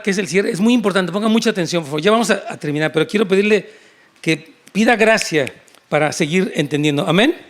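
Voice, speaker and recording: A male pastor with a fairly high voice preaches in a church service. He is lively and conversational, breaking into little acted-out dialogues and speaking straight to his listeners. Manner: animated, acts out quoted voices in shifting tones; addresses congregation directly and often. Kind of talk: sermon.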